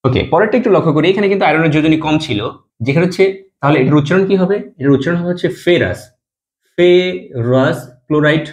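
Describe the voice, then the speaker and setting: Fast-talking male chemistry teacher. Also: a little mellow. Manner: explains step by step, asks and answers own questions; drops pitch at the end of each compound name. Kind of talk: recorded chemistry lesson.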